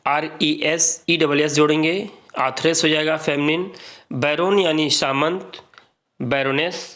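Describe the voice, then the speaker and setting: Slow-paced Indian man teaching. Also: a little high, steady tone, fairly bright tone. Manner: repeats word pairs, drills students. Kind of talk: exam-prep grammar lesson.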